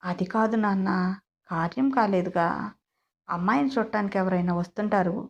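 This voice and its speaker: A woman's voice: mid-range voice, normal speed, dull audio, lightly acted. A woman voicing a fussy, strict old grandmother who scolds about rules. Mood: scolding.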